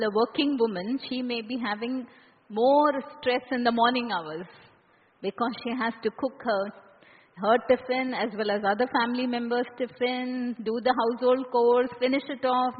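A woman's voice: fairly high pitch, breathy edge. A woman with an Indian accent leading an interactive seminar as a trainer, often checking in with her listeners through short questions. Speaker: workshop trainer. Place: large echoey indoor room. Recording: reverberant hall, muffled phone-like sound.

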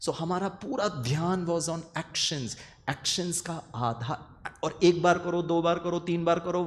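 Speaking to an audience about meditation and the mind, a man gives an earnest motivational talk in a voice on the high side. He often repeats phrases and slips English words into his speech.

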